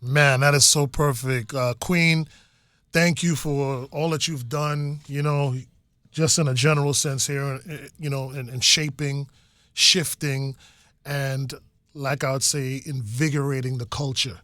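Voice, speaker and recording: Hype podcast host guy, slangy and affirming, bright tone, dry sound. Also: medium pitch, fairly even intonation, measured pace, no echo. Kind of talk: conversational interview.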